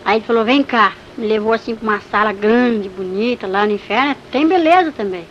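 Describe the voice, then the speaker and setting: A woman with a fairly high voice tells her religious testimony vividly and with emotion. The recording is slightly dull and carries a faint hiss. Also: fast. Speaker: church testimony speaker.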